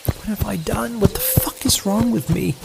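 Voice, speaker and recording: A woman playing a cursed, guilt-ridden young man in a game, stammering in a lowish voice. There is a clear hum of background noise. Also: expressive, unhurried. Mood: shaken. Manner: shaken, stammering.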